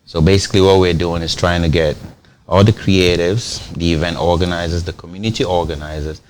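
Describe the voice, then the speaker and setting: He's a company founder from Cameroon giving a TV interview in a conversational way, his low voice steady and brisk over slight background noise. His explanations run long, and he repeats words as he restarts phrases.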